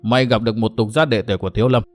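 A blunt old martial elder from a storybook adventure, voiced by a male narrator in close to his own voice. He talks plainly and gruffly, with a fatherly edge. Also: medium pitch, fairly even intonation, very fast, faint music behind, voice pushed down, close to an everyday voice.

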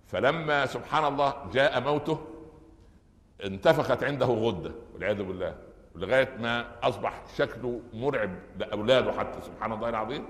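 A man with an Egyptian Arabic accent preaching a Friday sermon, telling stories with animated emphasis and frequent restarts. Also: medium pitch, fast. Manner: animated storytelling, stressing key phrases, frequent restarts. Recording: echoey hall with long reverb.

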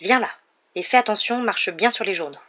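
A woman's voice: medium pitch, fairly quick, close to an everyday voice. A woman reading a storybook aloud, voicing a stern aunt who gives clipped, bossy orders. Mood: curt. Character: stern, curt aunt, strict housewife. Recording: dull lo-fi recording.

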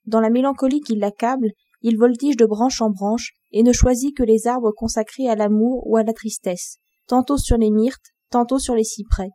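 A woman narrates a classic fairy tale for an audiobook in an even, measured way. Her voice is fairly high yet mellow and soft-edged, recorded very dry and close with no room sound. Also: no room sound. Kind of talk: scripted storybook narration.

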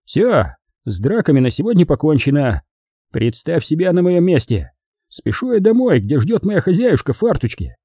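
A stout, fatherly constable grumbles in a booming, good-natured voice, as a man reading a storybook puts him on. The voice is dark and husky, and the recording is dry. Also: sing-song, moderate pace, no echo, heavily acted. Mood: grumbling.

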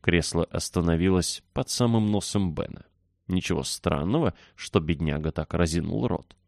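A man narrating a children's novel as an audiobook, reading in a steady, expressive way. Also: sits low, normal speed, creaky, no echo, studio quality. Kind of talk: scripted narration.

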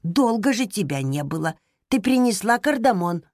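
A woman's voice: medium pitch, big pitch swings, moderate pace, darkish tone, dry recording, clean studio sound. Woman playing a grumpy forgetful old lady. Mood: grumbling. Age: older. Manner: grumbling, insistent.

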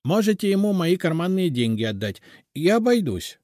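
Man voicing a timid little male house spirit, higher and lilting, deferential, audiobook. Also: very animated, moderate pace, a little mellow, no echo, clean studio sound. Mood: earnest. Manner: mumbling, deferential. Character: small humble male house spirit, shy and eager.

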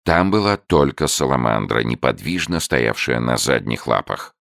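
A man narrating an audiobook in a measured, expressive reading. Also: extremely low pitch, vocal fry, no echo, clean studio sound.

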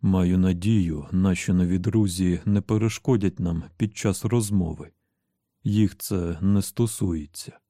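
A grim older gunslinger with a low, dark voice, as an audiobook narrator plays him. He speaks slowly in terse, measured phrases on a dry, close recording. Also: fairly even intonation, no echo. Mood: grave. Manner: slow, measured, grave. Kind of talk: audiobook character voice.

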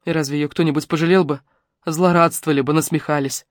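A woman narrating a novel in a measured, even reading voice. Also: deep voice, no room sound, studio quality. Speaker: audiobook narrator. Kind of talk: scripted narration.

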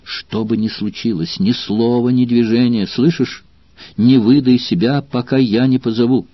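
A man's voice: mid-range voice, steady tone, moderate pace, no echo, muffled recording, pitched above the performer's own voice, lightly acted. A man reading as a tender noble Roman lady. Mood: whispering. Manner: soft, tender and anxious, often whispered. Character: passionate noble Roman woman in love.

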